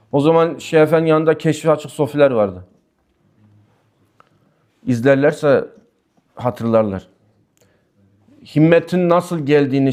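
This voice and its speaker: A man, a Sufi sheikh, giving a weekly religious talk that mixes personal stories with explanations of passages he reads aloud. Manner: lively storytelling, pitch rising and falling sharply. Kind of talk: religious talk with personal anecdotes and text commentary.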